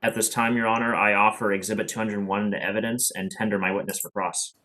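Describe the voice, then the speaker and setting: Casting: man, lawyer at a hearing, lower register, formal and a little halting. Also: level tone, sharp tone. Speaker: attorney for public counsel. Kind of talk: formal witness examination.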